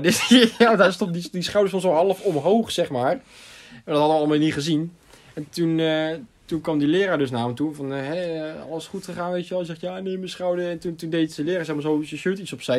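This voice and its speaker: Young man, slightly high voice, casual storytelling, animated, laughs mid-sentence, loose fillers. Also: fast. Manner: animated, laughs while telling, frequent fillers.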